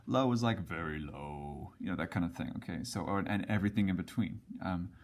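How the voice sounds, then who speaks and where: Male music teacher, low voice, relaxed and halting, talks while drawing on a board. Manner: casual, hesitant with many ums and restarts. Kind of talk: whiteboard music lesson.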